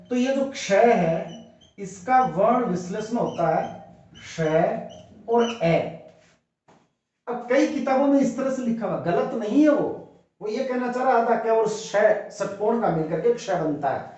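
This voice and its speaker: A man's voice: high voice, a little mellow. A man teaching an exam class at a whiteboard, explaining step by step and asking rhetorical questions. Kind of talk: whiteboard lesson for exam students. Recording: very echoey room, dull lo-fi sound.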